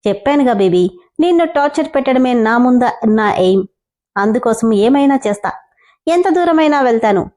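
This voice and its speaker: A cocky young boss sneers and taunts his rival in a storybook reading, played by a woman narrator. His voice is fairly high and soft-toned. He stays sarcastic and threatening. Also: animated, normal speed, close to an everyday voice. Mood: taunting. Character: arrogant young male boss, vengeful and sneering.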